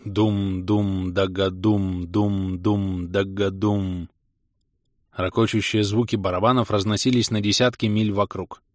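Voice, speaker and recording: A man narrating a fantasy audiobook with a steady, expressive reading. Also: lowish voice, fairly quick, no room sound. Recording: dry studio voice-over.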